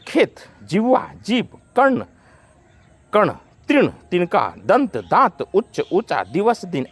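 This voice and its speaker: Lively-voiced man teaching grammar. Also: high-pitched. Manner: explains slowly, listing word pairs one by one. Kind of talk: classroom-style grammar lesson.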